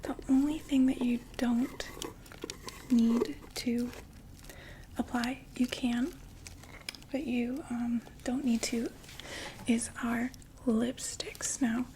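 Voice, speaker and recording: Playing a talkative undead vampire who sells makeup, a young woman whispers gentle sales chatter with fillers in an ASMR roleplay. Her voice is a touch high, and there is slight background noise.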